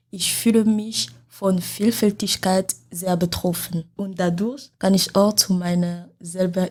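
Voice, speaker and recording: A young woman from Gabon speaks carefully on a student podcast. Her voice sits a little low for a woman. She sounds like she is reading from a prepared text. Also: a little mellow. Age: young adult. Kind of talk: scripted podcast talk.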